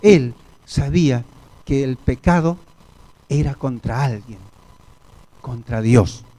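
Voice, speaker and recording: A preacher with an Argentine Spanish accent and a mellow, medium-pitched voice gives a sermon in church. His delivery is careful and measured, and he often turns toward the congregation.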